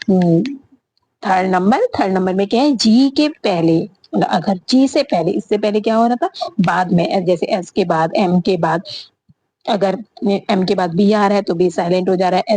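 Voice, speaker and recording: A woman teaching a lesson in a mellow, slightly breathy voice, recorded close and dry. She keeps asking rhetorical questions and answering them herself. She spells words out slowly, one letter at a time. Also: mid-range voice, dry recording. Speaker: English teacher. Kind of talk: spoken lesson.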